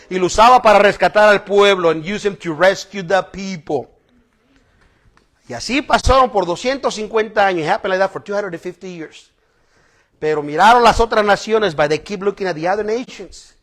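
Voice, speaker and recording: Man, bishop preaching, bilingual sermon, high-pitched, animated. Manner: switches between Spanish and English, animated with laughs.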